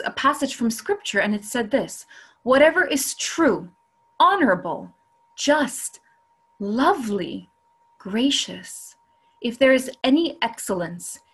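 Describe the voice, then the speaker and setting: Woman, husky voice, slightly high pitch, earnest devotional sharing, guest speaker. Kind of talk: personal devotional sharing, reading journal and scripture.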